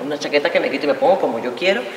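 A woman performing an earthy, animated live monologue before an audience. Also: low voice, rapid-fire, dull audio. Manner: lively, earthy, acts out scenes. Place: lecture hall with audience. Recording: echoey hall, distant mic, faint noise.

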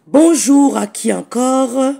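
A woman with a hoarse, croaky voice, chatting casually on a phone live stream and greeting viewers by name. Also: sits high, slow pace, dark tone.

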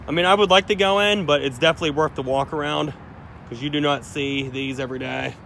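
A slightly high, gravelly, somewhat bright voice with fairly even intonation and a fast pace belongs to a man vlogging abandoned places. Holding his phone outdoors, he tours an abandoned restaurant's exterior and parking lot, talking casually to viewers and exclaiming often amid slight background noise.

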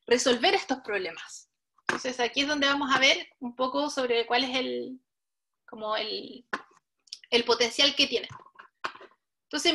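A woman with a clear, bright teaches a live online coding workshop. Her voice sits high, and she addresses the learners directly as she walks them through each step with patience. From Chile. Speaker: workshop instructor.

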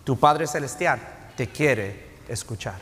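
A middle-aged man, a pastor, takes his time preaching a bilingual sermon, mixing Spanish and English and regularly adding tag questions. His voice is mid-range with a fairly bright tone. The church sanctuary gives the recording a long, echoing reverb.

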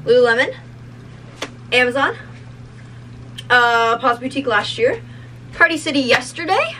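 A woman's voice: high-pitched, very animated, measured pace. Bubbly young sorority woman in noisy room. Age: young adult. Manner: bubbly sorority-girl talk, gushing, frequent "like". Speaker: vlogger, college sorority member. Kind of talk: casual vlog chat. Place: indoors, dorm bedroom and large empty hall. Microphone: camera at arm's length.

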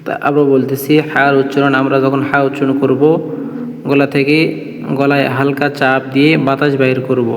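A man with a Bangladeshi Bengali accent teaching Tajweed, spelling out letters and vowels and then reciting the words slowly in a melodic chant. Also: mid-range voice, completely flat delivery. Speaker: Quran reading teacher. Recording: echoey, reverberant room.

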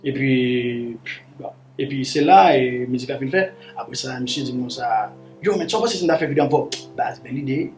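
A man's voice: mid-range voice, a little fast. A man, a guest musician telling a long story in a casual, rambling way, repeating words and the filler "là". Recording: roomy echo with faint music underneath.

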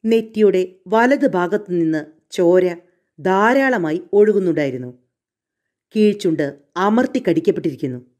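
A woman narrating a suspense story in a measured, dramatic reading. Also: lowish voice, expressive, a little mellow.

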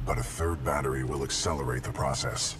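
A rusty, low-power war robot in a video game, giving flat, clipped status reports as its systems reboot. His processed robotic voice sits extremely deep. It comes from a distance, with clear noise behind it. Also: a little fast. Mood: calm. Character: damaged rebooting giant war robot, calm and formal.

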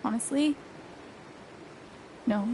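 An actress playing an anxious but determined young woman in a video game, speaking in a soft, earnest, halting way. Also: a little high, a little hiss or hum, rough recording. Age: young adult. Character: anxious, determined young woman gently reassuring a frightened child. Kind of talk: video game dramatic acting. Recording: game music under the voice.

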